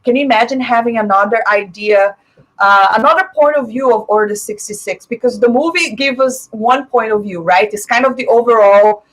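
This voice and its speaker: A woman with a fairly high-pitched voice talks at a moderate pace on a rough recording. She's a Brazilian whose first language is Portuguese, hosting a casual live stream where she chats, gives her opinions, responds to viewer comments, and fills gaps with plenty of fillers.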